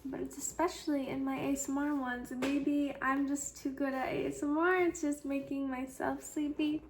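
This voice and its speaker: A woman's voice: high voice, little pitch movement, normal speed, a little hiss or hum. A woman hosting her own podcast, chatting casually and rambling with lots of fillers, sounding sleepy and yawning. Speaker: podcast host. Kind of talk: casual solo podcast chat.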